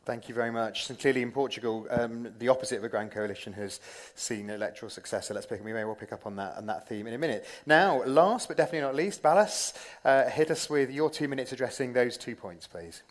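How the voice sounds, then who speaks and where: A man's voice: mid-range voice, fast talker, few pauses. A man moderating a conference panel informally, with a wry, self-deprecating manner.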